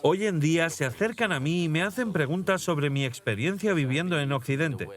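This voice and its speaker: A man voicing a calm, reflective young prince. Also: on the high side, fairly quick, lightly acted. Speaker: dubbed interviewee voice-over. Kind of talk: documentary dub voice-over.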